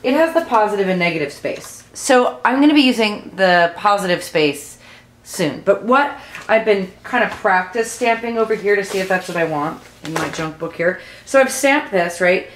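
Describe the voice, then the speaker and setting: A woman talking casually through a craft tutorial as she works, rambling and thinking aloud, with a low early-morning voice. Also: animated, moderate pace. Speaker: mixed-media craft tutorial host. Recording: echoey room, faint background noise.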